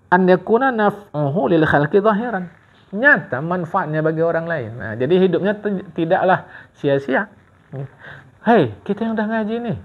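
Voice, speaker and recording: A male religious teacher, giving a study-circle sermon and quizzing listeners with rhetorical questions. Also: high-pitched. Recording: dull lo-fi recording.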